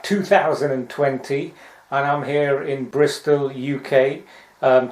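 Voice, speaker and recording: A man's voice: medium pitch, a little mellow. A man hosting an interview, asking polite, formal questions. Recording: roomy.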